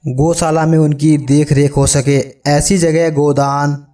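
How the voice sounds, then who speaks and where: A man narrating a religious story in a solemn, measured scripted delivery, addressing listeners as friends. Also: a little high, little pitch movement, warm tone, recorded from a distance.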